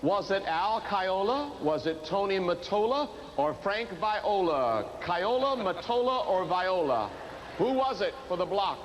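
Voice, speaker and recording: A man's voice: sits high, sing-song, unhurried. A man hosting a television game show, putting questions to the players and steering the game. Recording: very noisy TV studio recording.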